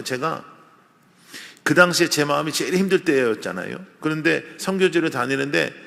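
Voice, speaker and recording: A man preaching a revival sermon in a conversational, animated way, acting out little scenes for the congregation, recorded in a large church. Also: a little high, gravelly. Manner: lively, conversational preaching with acted-out asides. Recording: long church hall reverb.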